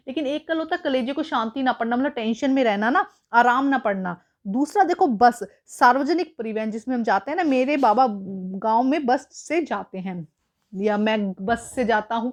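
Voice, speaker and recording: High-voiced woman teacher explaining a worksheet. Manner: patient, explanatory, mixes in English words.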